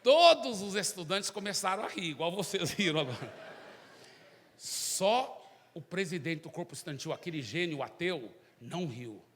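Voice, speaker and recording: A male pastor telling a story in a sermon, in an animated, dramatic manner, in a church. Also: high voice, normal speed, slight background noise. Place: church hall. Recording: reverberant church hall.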